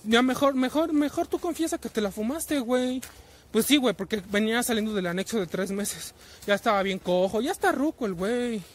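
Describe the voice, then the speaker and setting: A man's voice: extremely high pitch, fairly quick. A man in his twenties with a Mexican Spanish accent, telling stories in a casual, profane rant full of slang and constant güey fillers. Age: 20s. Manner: profane, slang-heavy, fillers of güey after nearly every phrase. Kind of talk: casual ranting storytelling. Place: travelling in a vehicle.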